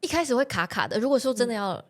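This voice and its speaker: A young woman, a podcast guest telling personal stories in a casual, animated way and laughing often. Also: fairly high pitch, very fast. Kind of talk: casual storytelling chat.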